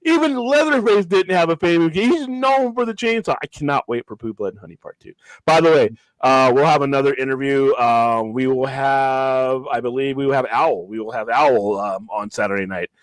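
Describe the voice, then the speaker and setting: A man co-hosting a podcast in casual chat, animated and emphatic, often repeating words as he talks. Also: mid-range voice, normal speed, no echo, poor audio. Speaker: podcast co-host.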